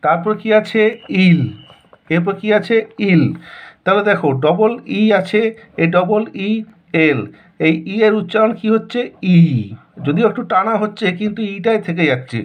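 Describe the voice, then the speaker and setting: A man's voice: high voice, moderate pace, lo-fi sound. A man with a Bengali accent teaching a school lesson, asking questions and answering them himself in a repetitive way. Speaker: English teacher. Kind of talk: classroom lesson explanation.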